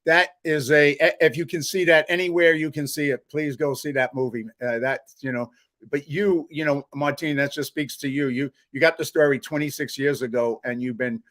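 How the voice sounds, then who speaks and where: A man's voice: a little high, fairly even intonation, normal speed, a bit bright. A man hosting an interview show, introducing clips with enthusiasm. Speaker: host.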